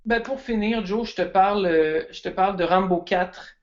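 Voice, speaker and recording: A man's voice: high voice, normal speed, muffled recording. A man, a guest film expert chatting casually and enthusiastically on a stream.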